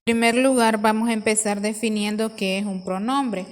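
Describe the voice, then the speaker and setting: A woman's voice: mid-range voice, fairly even intonation, normal speed. A woman teacher explaining a grammar lesson patiently, reading from the textbook and restarting phrases as she goes.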